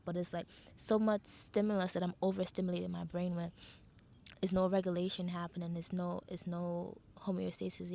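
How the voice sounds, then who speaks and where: A woman's voice: fairly low pitch, vocal fry, warm tone, a little hiss or hum. A young woman from the Caribbean, talking candidly in a casual reflective monologue and swearing freely. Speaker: vlogger.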